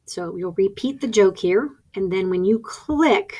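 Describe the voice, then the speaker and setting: A woman teacher walks through each step of a task in a practical, chatty way. She thinks aloud as she clicks through the screen, and her voice sits at an ordinary middle pitch. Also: lively intonation, unhurried, a little mellow. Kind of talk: instructional screen-recording walkthrough.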